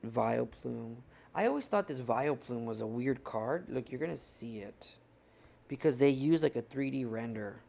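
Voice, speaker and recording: A man's voice: medium pitch, animated, normal speed, gravelly, a little mellow. A young man streaming live, chatting casually and rambling to his viewers while he looks through his cards. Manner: rambling, chatty, talks to chat while browsing.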